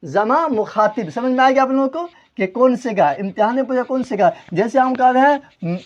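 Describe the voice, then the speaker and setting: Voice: high voice, a little mellow. Repetitive quizzing grammar teacher, dull recording. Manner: repetitive, quizzes listeners and answers its own questions. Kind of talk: classroom grammar lesson.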